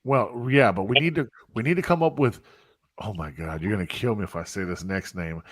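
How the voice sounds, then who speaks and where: Animated male podcast host, dry sound. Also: fairly low pitch, fairly quick, no room sound. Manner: animated, interrupts and repeats himself. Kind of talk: casual chat. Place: live stream studio.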